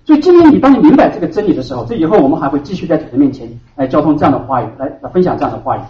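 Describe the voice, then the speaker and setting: A man preaching a sermon to his congregation as their pastor. He hammers key words loudly, then drops to hushed asides. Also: a little high, very animated, racing. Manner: emphatic preaching, swinging between loud stresses and hushed asides. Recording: roomy hall from a distant, dull mic.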